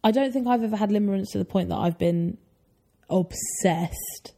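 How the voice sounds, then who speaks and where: A woman's voice: medium pitch, moderate pace, creaky, dark tone. A woman in her twenties co-hosting a podcast, chatting casually and often agreeing with "for sure.". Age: 20s. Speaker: podcast co-host. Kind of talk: casual chat.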